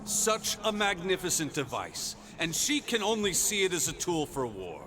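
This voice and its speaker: A man's voice: sits high, sing-song, normal speed, background noise. A man voicing a wistful, disapproving craftsman spirit in a dramatic video game style. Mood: wistful reproach.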